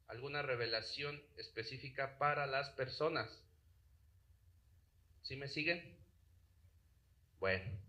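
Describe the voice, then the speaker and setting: Man preacher with a bright, cutting voice and a slightly high pitch, questions the flock often. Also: rough recording. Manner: asks the congregation rhetorical questions. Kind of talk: sermon.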